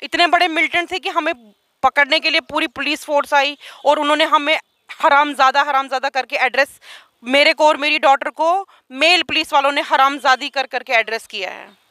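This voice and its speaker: A woman's voice: sits high, steady tone, normal speed, bright, forceful tone, no room sound. A woman giving an urgent, aggrieved account as an interviewee, speaking outdoors. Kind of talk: emotional testimony.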